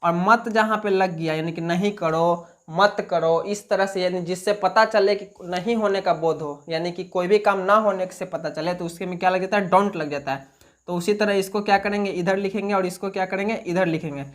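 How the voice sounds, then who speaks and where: A man's voice: sits high, fairly even intonation, moderate pace, fairly bright tone. Man, online English teacher, explanatory, repetitive, question-and-answer style. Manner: explanatory, keeps asking and answering his own questions; repetitive, plain classroom talk. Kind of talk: spoken English lesson explained in Hindi.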